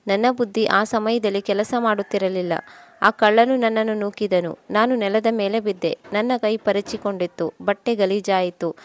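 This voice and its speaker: A woman telling a scripted first-person story in a calm, reflective, even manner. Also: medium pitch, normal speed.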